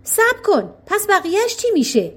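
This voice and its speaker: A greedy, boastful father, as a woman puts him on, eager and grasping as he chases a fortune. His voice rides high and swings lively with excitement, like a storybook character. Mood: demanding.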